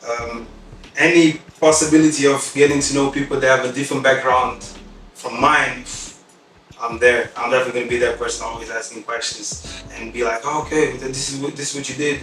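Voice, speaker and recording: A man's voice: medium pitch, flat delivery, moderate pace, fairly bright tone. Reflective man raised in Portugal, echoey room. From Guinea-Bissau, raised in Portugal. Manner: reflective, talks in restarts and asides. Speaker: podcast co-host. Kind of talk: casual podcast chat. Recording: echoey room, distant mic, faint music.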